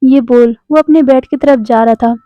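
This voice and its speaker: A woman narrating a fan fiction story in a plain, pausing way. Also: high voice, fairly even intonation, no echo. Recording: dry, tinny phone-like sound.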